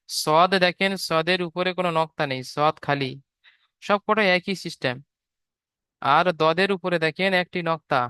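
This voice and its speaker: A man's voice: sits high, pushed and bright, clean tone, dry recording. A man teaching Quran letter sounds patiently, repeating each point and drawing out every sound. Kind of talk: step-by-step online lesson.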